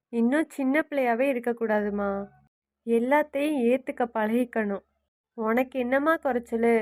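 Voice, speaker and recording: A woman's voice: fairly high pitch, dry recording, clean studio sound, close to an everyday voice. A woman voicing a soothing cartoon mother. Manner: soothing, advising. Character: caring mother comforting her married daughter.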